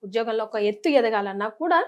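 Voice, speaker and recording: A woman's voice: fairly high pitch, expressive, fast talker, darkish tone, highs cut off. A woman interviewer asking short, prompting questions.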